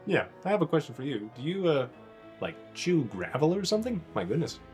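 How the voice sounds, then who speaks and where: A man's voice: on the high side, sing-song, a little fast, darkish tone, faint music behind. A man hosting a let's play, commenting casually on a video game.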